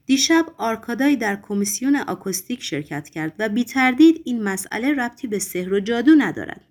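A woman's voice: on the high side, lively intonation. Woman putting on a pompous haughty society wife. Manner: pompous, indignant.

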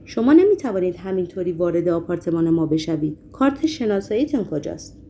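A woman reading aloud, voicing a panicky, bullying male building chairman who shouts in a gruff, flustered way. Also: fairly low pitch, very animated, slight background noise. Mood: panicked.

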